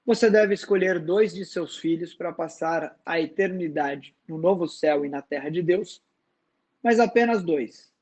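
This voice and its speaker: A man voicing a calm, wise woman who speaks softly, slowly and firmly, in a dramatized book reading. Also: fairly high pitch, natural voice. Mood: firm, probing. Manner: soft, slow and firm.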